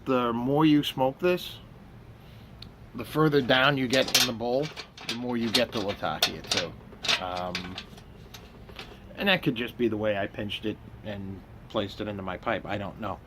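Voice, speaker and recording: A man in his fifties chatting casually and unhurriedly, with pauses, as he smokes a pipe that is often in his mouth. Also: medium pitch, fairly bright tone. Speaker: pipe tobacco reviewer. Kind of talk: casual vlog chat. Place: outdoors by a house with trees. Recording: clear outdoor ambient noise.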